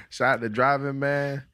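A man's voice: medium pitch, fairly bright tone, no echo, studio quality. A young man, chatting with friends in laid-back, slangy frat-bro talk. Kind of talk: casual chat among friends.

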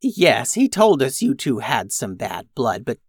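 A flustered old witch who talks slowly and stammers in a raised, reedy pitch, as a storyteller puts her on. The reading is close and dry, a storybook voice. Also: big pitch swings, husky, dry recording, exaggerated voice. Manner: slow, stammering, high.

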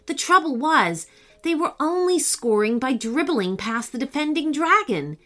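A woman narrating a children's story in an expressive, animated way. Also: sits high, unhurried.

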